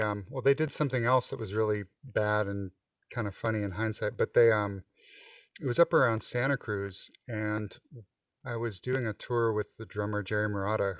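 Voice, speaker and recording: A man's voice: lowish voice, no echo, clean studio sound, recorded from a distance. A man, the guest musician, chatting casually and telling stories with frequent fillers. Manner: relaxed storytelling with frequent fillers. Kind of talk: casual interview chat.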